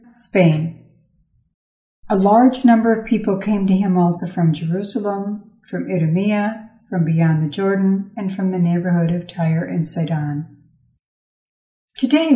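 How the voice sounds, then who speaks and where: A woman reading a Gospel passage and its commentary aloud in a measured, solemn way. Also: on the low side, mellow. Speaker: scripture reader. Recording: roomy echo.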